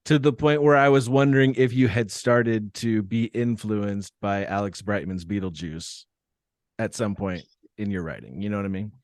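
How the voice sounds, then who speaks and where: A podcast host with a fairly low voice asks rambling, enthusiastic questions in relaxed conversation. The room is dry, with no echo. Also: male voice, moderate pace. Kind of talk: casual interview chat.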